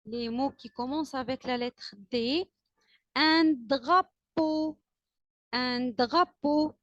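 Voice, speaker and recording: A woman teacher with an Arabic-speaking accent, leading a classroom alphabet lesson with slow, drawn-out repetition of letters and words and frequent praise. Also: high-pitched, steady tone, no echo, lo-fi sound.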